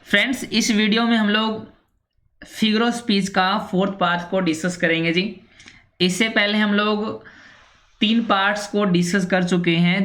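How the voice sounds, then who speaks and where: A woman teaches an English grammar lesson at a steady, patient pace. She keeps repeating herself and tags her sentences with small check-in fillers as she walks through examples. Her voice sits at an ordinary middle pitch. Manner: repetitive, with constant "theek hai" and "ji" fillers. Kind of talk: explanatory lesson.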